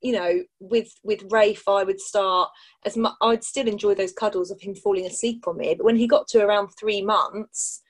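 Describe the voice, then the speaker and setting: A woman's voice: medium pitch, fairly even intonation, normal speed. A British woman, a mother, chatting casually and candidly about her own life as a podcast guest. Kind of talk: casual personal chat.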